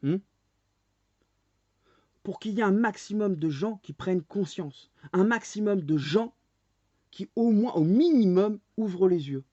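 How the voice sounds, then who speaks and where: Heated 40s guy ranting at the camera, raspy warm voice, dry dull lo-fi sound. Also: sits high, animated, measured pace, pauses often, dry recording. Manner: heated, hammering rhetorical questions. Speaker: vlogger. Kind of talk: angry monologue rant.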